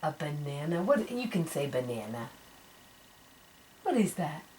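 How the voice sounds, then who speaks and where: A young mother at home, talking slowly and encouragingly to her toddler. Her voice swoops up and down in a lively sing-song as she repeats each word, praises the child, and playfully mimics animal noises. A faint hum of household noise sits underneath. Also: deep voice, far from the mic, rough recording. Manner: imitates animal sounds playfully. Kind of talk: home video of a parent coaching a baby to name pictures.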